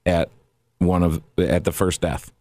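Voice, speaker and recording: Deep-voiced male financial planner. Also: steady tone, measured pace, dark tone, dry recording. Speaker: financial planner, show regular. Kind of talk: explanatory radio talk.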